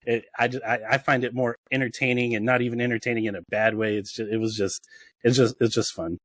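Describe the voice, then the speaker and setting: A man's voice: mid-range voice, level tone, fast, fairly bright tone, dry recording. Man, casual podcast chat, rambling storyteller, laughs a lot, dry close sound. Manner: rambling, restarts a lot, laughs at his own stories.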